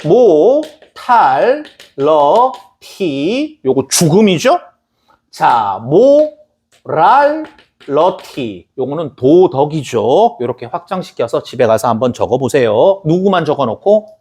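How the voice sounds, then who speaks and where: Lively, husky Korean teacher. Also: male voice, a little high, slow pace. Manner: lively, chatty, spells words syllable by syllable, jokes aside. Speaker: English teacher. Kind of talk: recorded lecture to students. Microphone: camera recording a lecture.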